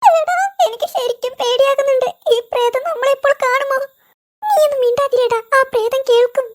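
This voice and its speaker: Doing cartoon voice work, an artist with a Malayali accent plays jittery young boys who scare easily, chattering fast and wailing in fright. The voice is very high.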